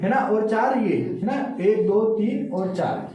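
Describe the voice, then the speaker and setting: A man's voice: sits high, takes it slowly, mellow, muffled recording. A man teaching a classroom lesson, counting aloud and constantly checking with his students through repeated questions. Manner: repetitive, keeps asking "है ना?" and counting aloud. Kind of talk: classroom lesson with call-and-response. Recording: echoey classroom from far off.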